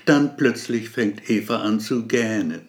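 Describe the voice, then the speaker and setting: A man's voice: lowish voice, unhurried. A man narrating a story as an audiobook in a playful, wry way.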